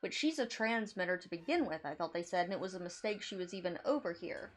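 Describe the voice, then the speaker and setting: A woman streaming a game, chatting casually with wry, quick asides and reading lines aloud. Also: lowish voice, expressive.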